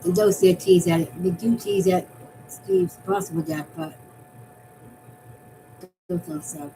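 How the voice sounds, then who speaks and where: A woman's voice: lowish voice, fairly even intonation, measured pace, background noise. A woman from Massachusetts chatting casually about her fan theories, rambling and restarting her phrases as she goes. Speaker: fan vlogger.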